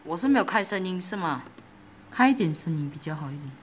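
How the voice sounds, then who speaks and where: A woman gives casual commentary while she plays a game. She giggles often and breaks into excited exclamations. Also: lowish voice, fast talker, slight background noise. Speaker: gaming YouTuber.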